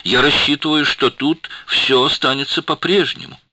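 High light self-assured woman, voiced by a man. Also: steady tone, moderate pace, bright, forceful tone, dry recording. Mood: composed.

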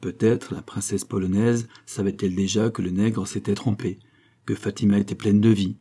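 A man narrating an audiobook novel in a measured, dramatic storytelling manner. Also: fairly low pitch, flat delivery, mellow, breathy edge. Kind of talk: scripted narration.

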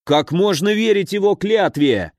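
A man's voice: high-pitched, animated, measured pace, darkish tone, dry recording, studio quality, voice pushed up. A man narrating an audiobook voices a cowardly adult male traitor who protests shrilly and begs for mercy. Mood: shrill.

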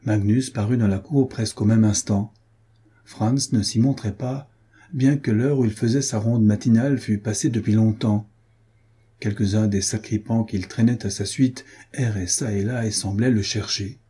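A man reading a historical adventure novel aloud in a steady, measured narration. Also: fairly low pitch, husky. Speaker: audiobook reader. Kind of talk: scripted narration.

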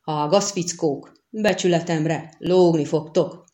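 A woman voicing a boastful, pompous male knight who proclaims slowly and loudly. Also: sits low, little pitch movement, close to an everyday voice. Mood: boisterous. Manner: slow, loud proclaiming.

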